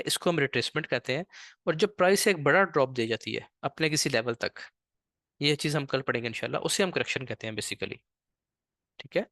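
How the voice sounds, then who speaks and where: A man's voice: a little high, a bit bright, no room sound, clean studio sound. Patient man teaching an online trading class. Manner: patient, repeats "ठीक है" often; speaks slowly on purpose.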